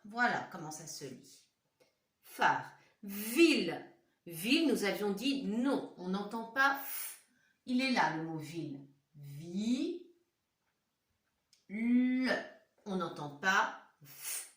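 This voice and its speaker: A woman teaching young children a phonics lesson, speaking slowly and clearly and sounding out words syllable by syllable. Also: medium pitch, big pitch swings, a bit bright, distant mic. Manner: slow, clearly articulated, repeats words syllable by syllable; talks directly to children, asking questions. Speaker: primary school teacher. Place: classroom or home room with a whiteboard. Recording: echoey room, voice from afar.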